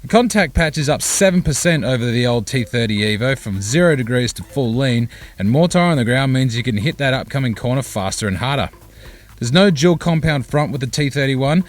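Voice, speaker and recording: Man reading a steady technical voice-over. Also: mid-range voice. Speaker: motorcycle tyre reviewer. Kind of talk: scripted voice-over narration.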